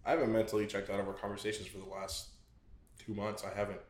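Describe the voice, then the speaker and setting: A young man co-hosting a podcast, teasing his friend in a dry, deadpan way and telling stories with relish. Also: lowish voice, quick pace. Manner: dry, teasing deadpan with sudden excited storytelling. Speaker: podcast co-host. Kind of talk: casual chat. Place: indoor podcast room. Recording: echoey room.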